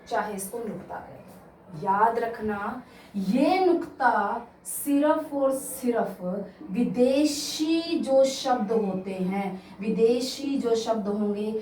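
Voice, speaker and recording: Haryanvi woman teacher, emphatic, repetitive, fairly high voice, roomy echo, a bit off-mic. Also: a little mellow, far from the mic, a little hiss or hum. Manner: emphatic, repeats key words, addresses listeners as children. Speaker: Hindi teacher. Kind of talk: exam-prep lesson to students.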